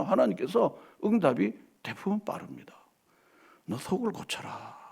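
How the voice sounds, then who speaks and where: A middle-aged male pastor preaching a Sunday sermon in a church, swinging from animated delivery to soft asides and acted quotes. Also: very high voice, creaky, husky. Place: church sanctuary.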